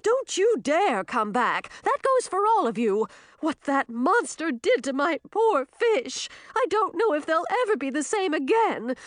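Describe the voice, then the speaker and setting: A woman voicing a furious female river nymph who wails and shouts in outrage, for an audiobook. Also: a little high, sing-song, unhurried, hardly any pauses, dry recording, studio quality, voice pushed up. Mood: screaming. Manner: shouting, wailing, indignant. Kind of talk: audiobook character voice.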